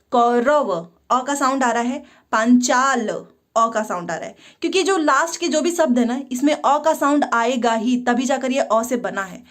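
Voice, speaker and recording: A woman teaching an exam-prep grammar lesson, her voice sitting fairly high. She explains patiently step by step, has students repeat words after her, and mixes in English words.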